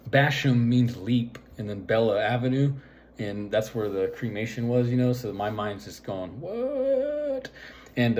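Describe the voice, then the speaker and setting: A man's voice: mid-range voice, darkish tone, slight background noise. A man casually retelling a film's plot in a rambling way, full of fillers and "right?" asides. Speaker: vlogger.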